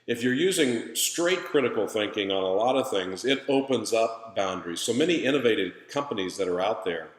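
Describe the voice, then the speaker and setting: A man giving an informal recorded lesson recap as an instructor, conversational and halting, with a hallway echo from an empty room. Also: lowish voice, lively intonation. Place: empty room in a new place, indoors. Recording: echoey empty room, long reverb.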